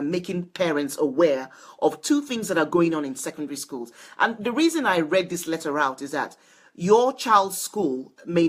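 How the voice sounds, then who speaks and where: A woman's voice: fairly low pitch, fairly bright tone. A woman hosting a parenting live stream, chatting casually, greeting viewers by name and often restarting her sentences. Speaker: host of a parenting livestream. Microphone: phone or laptop mic for a live stream.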